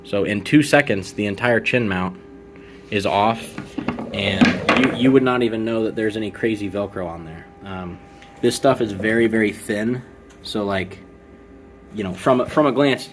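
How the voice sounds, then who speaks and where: A man's voice: on the low side, normal speed, slight background noise. A man presenting motorcycle vlogging gear in a casual product walkthrough, explaining things in an informal, conversational way.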